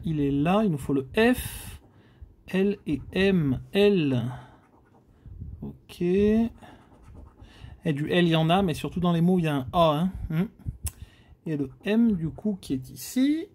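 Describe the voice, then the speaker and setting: Man reacting animatedly to scratch cards. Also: fairly high pitch. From France. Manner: animated, exclaims and groans at each letter. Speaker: scratch-card vlogger. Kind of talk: casual commentary while scratching tickets.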